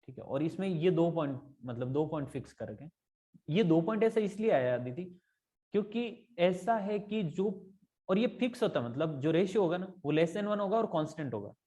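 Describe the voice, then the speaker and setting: Male math tutor, mellow dark tone, casual step-by-step explaining, keeps checking students follow, English math terms mixed in. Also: fairly high pitch, lively intonation, normal speed.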